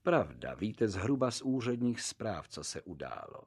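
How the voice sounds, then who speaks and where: A man reading a formal letter aloud in an expressive voice. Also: fairly low pitch, slightly rough. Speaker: reader.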